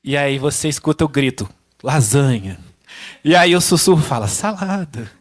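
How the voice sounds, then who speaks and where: Male pastor, Brazilian accent, higher-pitched, casual sermon delivery with acted-out quotes. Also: fast talker. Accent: Brazilian Portuguese. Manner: conversational, acts out dialogue in varied voices.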